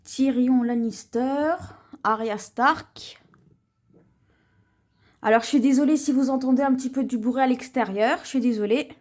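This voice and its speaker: A woman's voice: high-pitched, darkish tone. A woman presenting her shopping haul to viewers in a chatty show-and-tell vlog. She keeps pointing things out and sometimes stumbles over words. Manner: slow, chatty, points things out to viewers, often repeats "voyez"; trips over words and restarts names. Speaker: haul vlogger.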